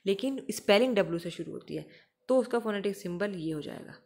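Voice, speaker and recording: A woman teacher, explaining English phonetic symbols and patiently repeating example words slowly. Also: medium pitch, expressive, a little mellow.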